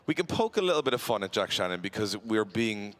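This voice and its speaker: A man's voice: lowish voice, sing-song, fast talker. A man giving live drift commentary, chatty and bantering with his co-host.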